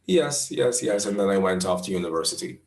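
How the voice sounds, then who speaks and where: A Bahamian man in his twenties, a professional astrologer answering interview questions in a thoughtful, measured way, often restarting his phrases. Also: on the low side, expressive, reverberant. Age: 20s.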